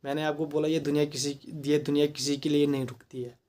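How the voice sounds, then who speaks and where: A man's voice: a little high, level tone, a little fast, darkish tone. A man with a Kashmiri accent giving a heated, rhetorical opinion monologue, mixing English phrases into his talk. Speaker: commentator.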